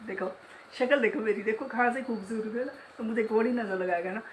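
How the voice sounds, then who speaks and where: A woman's voice: on the high side, a little fast, a little hiss or hum, rough recording. A middle-aged woman chatting casually in a home vlog, talkative and self-mocking, often breaking into laughter. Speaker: vlogger, beauty salon owner.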